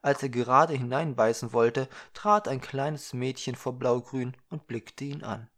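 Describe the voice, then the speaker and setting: A man calmly narrating a fairy tale in an even storytelling manner. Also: medium pitch, measured pace.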